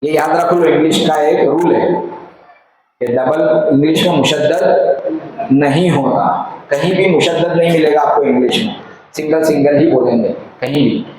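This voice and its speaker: A man teaching a class of students, playful, quizzing them and spelling words out slowly. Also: a little high. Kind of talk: classroom lesson. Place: echoey classroom. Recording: echoey room, background noise.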